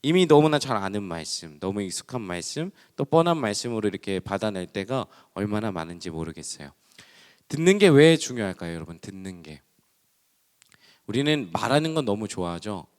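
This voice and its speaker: A man in his thirties preaching a sermon as a pastor, telling a personal story in a lively way and acting out the dialogue. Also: fairly low pitch, fairly quick. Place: church hall. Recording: long reverb of a church hall.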